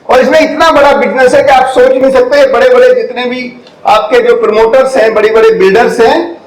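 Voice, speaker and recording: High-voiced older man lecturing in an echoey hall. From India. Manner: keeps checking the audience follows, with rhetorical questions; mixes English phrases into his talk. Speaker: guest lecturer. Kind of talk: classroom lecture.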